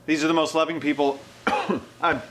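An effusive man hosts a relaxed interview in a family's home. He gushes with enthusiasm and laughs often. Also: fairly high pitch, moderate pace, slight background noise. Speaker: host of a mission organization video. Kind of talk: casual interview. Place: guests' home.

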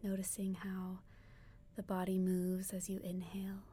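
A woman leading a guided meditation like a sleep story narrator, in a soft, breathy near-whisper, soothing and gentle, with long pauses. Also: mid-range voice, monotone.

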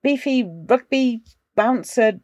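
A middle-aged woman hosting a podcast and casually telling her own ghost story, animated but dropping to hushed tones for suspense. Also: a little high, slow, no echo, studio quality. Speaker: podcast host.

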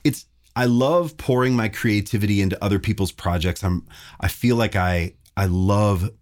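A man in his forties, a bass player chatting casually in an interview, animated and enthusiastic. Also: moderate pace. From Minneapolis. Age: 40s. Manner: animated, enthusiastic, laughs often.

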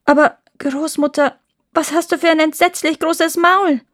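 A woman voicing a trusting little girl in a fairy tale reading, talking high and eager. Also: expressive, normal speed, dry recording, studio quality. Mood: wondering. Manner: bright, eager, chattering.

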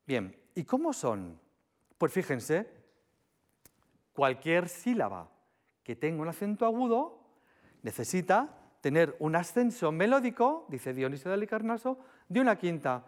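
A man giving a public lecture on Greek philology in a chatty, animated way, talking straight to the audience. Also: sits high, unhurried. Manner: animated, chatty, sings short demo syllables.

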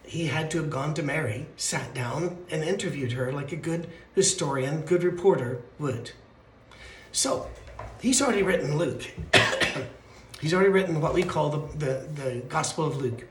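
Male Bible teacher, stuffy and congested, muffled down-a-well voice, fairly high for a man, echoey room. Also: normal speed, slight background noise. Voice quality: muffled, hollow, like talking from the bottom of a well. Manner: chatty, rambling, with self-corrections and asides. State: congested, stuffy nose from allergies. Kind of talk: casual midweek Bible lesson. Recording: echoey room with faint ambience.

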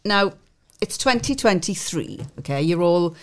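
A woman's voice: lowish voice, animated, a little slow. A woman, a youth theatre tutor chatting with and coaxing young members in a casual interview.

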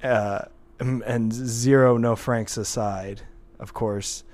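A man's voice: medium pitch, slow. Man hosting a chatty podcast. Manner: animated, reads listener comments aloud. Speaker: podcast host. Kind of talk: casual podcast chat.

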